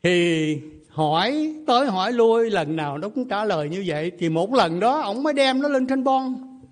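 A high-pitched man delivers a sermon, telling a moral story in an earnest preaching voice. A faint electrical hum sits under the recording. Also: expressive, moderate pace. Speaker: pastor.

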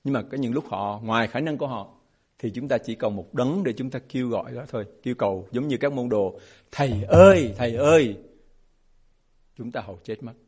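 A man's voice: mid-range voice, fast, darkish tone, husky. A man preaching a sermon as a pastor, emphatic and asking his congregation rhetorical questions.

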